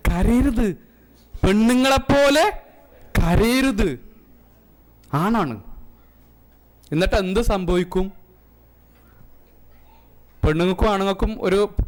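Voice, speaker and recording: A man with a Malayali accent teaching an emotional intelligence class, questioning the audience and joking. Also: high voice. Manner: asks the audience questions and jokes. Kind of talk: interactive classroom lecture. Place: community centre classroom.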